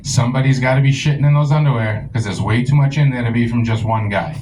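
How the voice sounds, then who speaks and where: A man's voice: mid-range voice, quick pace, darkish tone, a little hiss or hum, close to an everyday voice, rough recording. A man doing a cranky, cursing old grandpa. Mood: indignant. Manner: gruff, profane, accusing.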